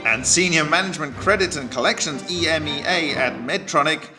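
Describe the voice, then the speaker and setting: A man announcing panel speakers at an event, stretching out each name. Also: fairly high pitch. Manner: slow, stretched name calls. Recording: announcement over loud music.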